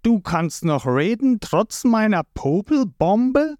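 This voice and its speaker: A man's voice: high voice, big pitch swings, slow, darkish tone, dry recording, studio quality, pitched above the performer's own voice, heavily acted. A man voicing a crude male henchman who sneers and mocks. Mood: mocking. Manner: mocking, sneering.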